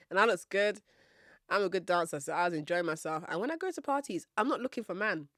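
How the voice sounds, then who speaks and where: A woman's voice: lowish voice, animated, brisk, fairly bright tone, no echo, studio quality. Sassy, confident woman podcast host. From Nigeria. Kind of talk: casual storytelling monologue.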